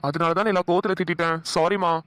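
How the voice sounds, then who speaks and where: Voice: mid-range voice, fairly even intonation, fast, a bit bright, no room sound, close to an everyday voice. A voice actor playing a young cartoon husband who scolds his wife, then coaxes and teases her. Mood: pleading. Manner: scolding, then pleading and chuckling. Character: teasing young husband, bossy then coaxing. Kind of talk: Tamil cartoon dialogue.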